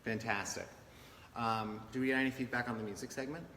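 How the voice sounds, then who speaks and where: A man's voice: medium pitch, steady tone, brisk, sharp tone. Cheerful chatty man in a noisy, echoey newsroom. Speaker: morning show co-host. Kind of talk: casual off-air chat. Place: large TV newsroom. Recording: reverberant newsroom with audible background noise.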